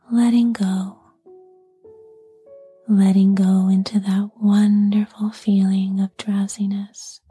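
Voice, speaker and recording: A woman sleep story narrator speaks in a hushed, very breathy whisper. Her delivery is extremely slow and even, lulling the listener toward rest. The sound is close and dry, with faint music underneath. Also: mid-range voice, dry recording.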